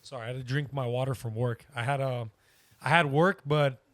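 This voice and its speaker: A young man in his early twenties answers podcast questions in a loose, meandering way, often pausing with fillers. His voice sits at a middling pitch. The recording is close and dry, with no room sound. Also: steady tone, fairly bright tone, dry recording. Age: young adult. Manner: easygoing, rambling, hesitant. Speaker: guest. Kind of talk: casual interview.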